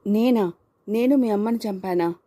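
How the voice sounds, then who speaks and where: Lady reading as a stunned accused guy protesting, low dark voice, storybook. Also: fairly even intonation, moderate pace, lightly acted. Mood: indignant. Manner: indignant, protesting. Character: shocked man accused in court, protesting.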